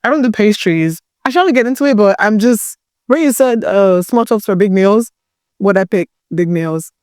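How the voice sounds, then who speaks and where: A woman's voice: medium pitch, animated, normal speed, a little mellow, no echo, clean studio sound. Chatty young Nigerian woman. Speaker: guest, caterer. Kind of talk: casual chat.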